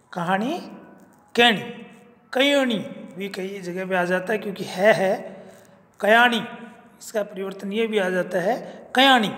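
A man giving an academic lecture, speaking deliberately and repeating each example word. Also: sits high, a bit bright. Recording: echoey room, long reverb.

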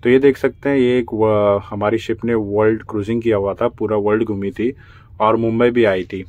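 A man's voice: on the low side, steady tone, moderate pace, darkish tone, highs cut off. A young man from India, a cruise ship crew member, casually explaining his small cabin and bathroom step by step while filming on a handheld phone. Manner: explanatory, pointing things out step by step. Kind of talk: casual vlog tour.

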